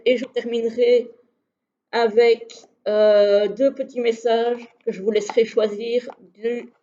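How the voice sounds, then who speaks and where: A woman gives an unhurried, casual tarot reading, speaking slowly with a soft, mellow tone. She is gentle and tentative, pausing often. The recording sounds slightly muffled and lo-fi. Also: fairly high pitch. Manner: gentle, tentative, with frequent "voilà" pauses. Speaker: tarot reader.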